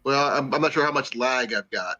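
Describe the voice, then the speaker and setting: A man's voice: mid-range voice, brisk, pushed and bright. A man in a casual group video chat whose audio lags and drops out. He keeps apologizing for his bad connection. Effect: laggy, dropping video-call audio. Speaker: call participant. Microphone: video call. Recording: lo-fi noisy call line.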